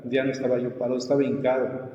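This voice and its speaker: This male pastor talks fast at a medium pitch as he tells his testimony in conversation. Animated, he acts out his cries and the voices he quotes, heard through a muffled, echoey room with long reverb.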